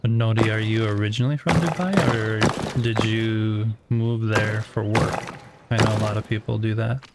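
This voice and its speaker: A man's voice: on the low side, fairly even intonation, moderate pace, heavy background noise. A man from the United States chatting casually to viewers while building in a game, musing aloud as he works. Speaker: streamer.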